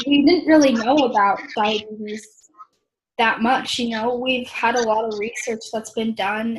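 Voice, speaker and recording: A young woman from Idaho leading a casual group discussion over a video call, talking slowly and clearing her throat often. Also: on the high side, slight background noise, rough recording. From Idaho, USA. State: pregnant. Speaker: discussion leader.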